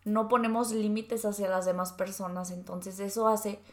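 A woman's voice: medium pitch, little pitch movement, moderate pace, echoey room. A woman from Sonora with a northern Mexican accent, co-hosting a casual podcast and telling stories animatedly, mimicking other people's voices. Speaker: podcast co-host. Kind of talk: casual podcast chat and advice.

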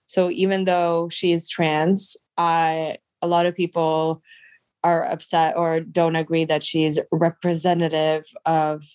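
A woman's voice: deep voice, little pitch movement, slow, a little mellow, clean tone, no room sound. A woman with a congested, stuffed-up nose from allergies, co-hosting a casual podcast from home. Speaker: podcast co-host. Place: at home on a couch, recorded over a video call.

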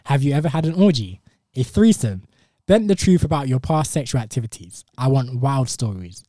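A man's voice: mid-range voice, big pitch swings, brisk, dark tone, no room sound. A man with a London accent and urban roadman slang, hosting a casual podcast chat. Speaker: podcast host.

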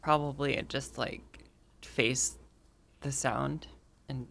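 A man's voice: medium pitch, steady tone, slow, vocal fry, a bit bright, a little hiss or hum. A man chatting casually as a tabletop player, thinking aloud in a hedging way. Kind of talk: casual tabletop game chat.

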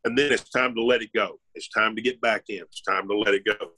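A man's voice: lowish voice, fairly even intonation, fairly quick, bright, forceful tone, breathy edge. An older man, a former tour golfer co-hosting a podcast, talking bluntly and instructively. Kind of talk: casual chat.

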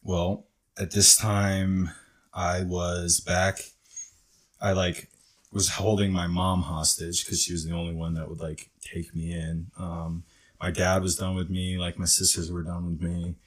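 Low husky-voiced man. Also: little pitch movement, unhurried. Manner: rambling, heavy use of "like" and profanity. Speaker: guest in recovery. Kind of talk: casual storytelling interview.

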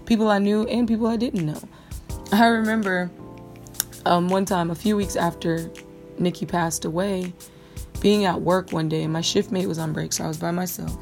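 Woman, young adult, podcast host, candid animated storytelling, lowish voice, faint music. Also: moderate pace, creaky. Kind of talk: personal faith podcast storytelling.

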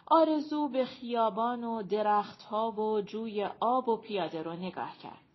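A woman reading an audiobook aloud with expressive, measured storytelling. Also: a little high. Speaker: audiobook narrator. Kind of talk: scripted narration. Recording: muffled lo-fi recording.

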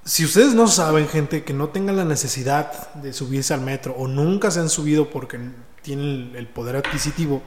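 A man with a Mexico City accent tells a story in loose, street-slang talk, full of swearing, repeated words and restarts. His voice sits a little high for a man. The room echoes, with a long reverb tail. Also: normal speed, few pauses, darkish tone. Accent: Mexico City Spanish. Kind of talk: casual personal anecdote.

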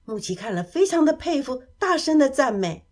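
Expressive woman telling a children's story. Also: high-pitched, normal speed. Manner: expressive, soft, gentle storytelling.

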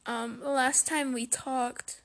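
A woman venting in a personal monologue, speaking softly and haltingly with many fillers and restarts. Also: sits high, fairly even intonation. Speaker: vlogger.

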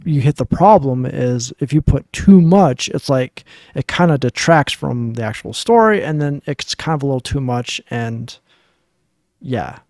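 A man's voice: medium pitch, animated, darkish tone, no room sound. Dry-sounding man on a podcast. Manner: measured, hedging with fillers like "I mean". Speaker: podcast co-host. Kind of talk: casual film discussion.

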